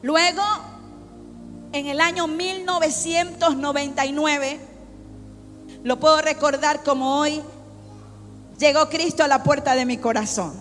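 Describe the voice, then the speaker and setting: A middle-aged woman pastor preaching a fervent sermon, rising into shouts at times. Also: high-pitched, fairly even intonation, unhurried, pauses often. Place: church sanctuary. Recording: long church reverb with faint music.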